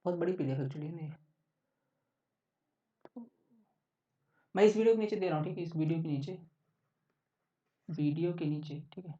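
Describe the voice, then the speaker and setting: A man's voice: on the high side, normal speed, long pauses, warm tone. Brief: male coaching teacher, conversational and repetitive, recorded a little far from the mic, dull tone. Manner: chatty, keeps checking in with listeners. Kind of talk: casual online lesson. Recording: roomy, distant, dull sound.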